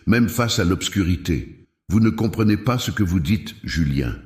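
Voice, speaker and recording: A man's voice: low-pitched, animated, normal speed. A man voicing a fervent, earnest woman who stands up for her friend. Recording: roomy echo.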